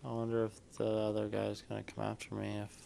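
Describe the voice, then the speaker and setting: Gravelly young man, chatty game commentary. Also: on the low side, monotone, a little fast, mellow, slight background noise. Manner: mild clean exclamations, chatty and self-deprecating. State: hiccuping. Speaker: gameplay commentator. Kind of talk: casual let's-play commentary.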